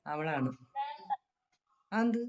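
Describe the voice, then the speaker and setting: A middle-aged woman talks through a sore, hoarse throat in a casual home vlog. Her voice sits low. She chats and calls loudly across the room to her daughter. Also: expressive, drawn-out words. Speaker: home vlogger. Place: home, indoors.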